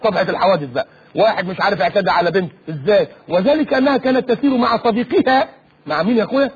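A man with an Egyptian accent preaching on the radio in an animated way, often mimicking other people's voices. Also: high-pitched, husky. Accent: Egyptian Arabic. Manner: rapid, animated, mimics voices mid-talk. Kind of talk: lively preaching talk. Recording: dull lo-fi radio recording.

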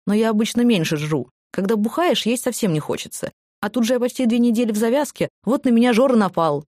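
A woman's voice: a little high, lively intonation, quick pace, a little mellow, no echo, clean studio sound, voice pushed up. A woman voicing a sheepish young woman inmate who mumbles and sounds plaintive.

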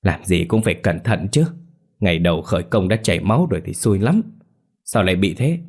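Man doing a gruff old family elder. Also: low-pitched, expressive, brisk, darkish tone, heavily acted.

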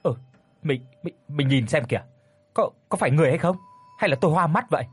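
A panicked village husband from a spoken horror tale, stammering and breaking off, his voice husky and raised high. A man acts him out while narrating. The recording is close and dry. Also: lively intonation, brisk. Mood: terrified. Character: stammering frightened peasant husband.

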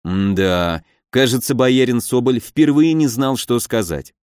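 A man's voice: medium pitch, moderate pace, a little mellow, no room sound, studio quality. Man narrating an audiobook wryly. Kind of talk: first-person audiobook narration.

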